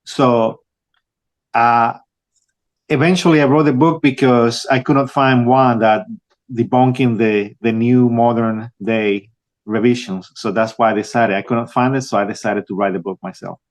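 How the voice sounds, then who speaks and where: A younger man from Rico, answering interview questions as an author, halting with many restarts. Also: mid-range voice, steady tone. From Puerto Rico. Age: young adult. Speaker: author guest.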